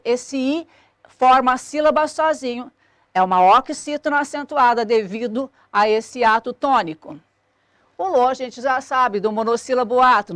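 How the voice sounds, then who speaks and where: A woman, explaining a grammar lesson clearly and methodically as a teacher. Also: on the high side, fairly bright tone, no room sound.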